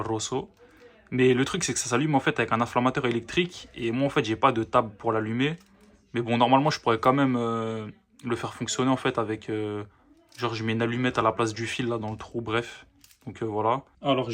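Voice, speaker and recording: A man casually presenting fireworks he is unboxing, hesitant, with many fillers and self-corrections. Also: medium pitch.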